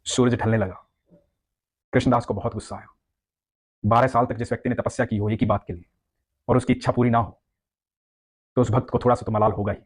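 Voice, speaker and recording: A man's voice: medium pitch, fairly even intonation, fairly quick, pauses often. A man narrating a devotional story in an earnest, vivid storytelling way.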